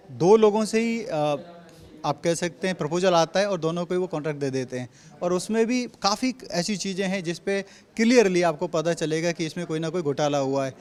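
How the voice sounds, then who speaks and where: A man with a notably high voice and a Delhi Hindi accent, speaking as a party spokesperson in an interview. He answers forcefully and drives each argument home with repeated rhetorical phrases. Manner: assertive, repetitive rhetorical points.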